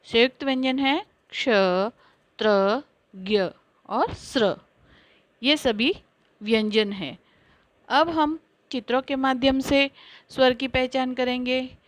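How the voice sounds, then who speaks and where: A woman teacher giving a basic alphabet lesson, reciting letters and words one at a time with careful, drawn-out pronunciation. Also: high voice, dry recording. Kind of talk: slow Hindi alphabet lesson.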